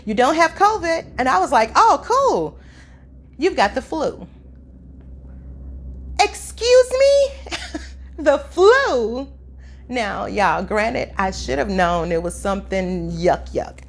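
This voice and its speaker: A woman in her fifties telling a casual story to viewers, chatty and animated, her throat sore as she gets over the flu. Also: on the high side, slight background noise. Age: 50s. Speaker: vlogger. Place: home room by a window, construction outside.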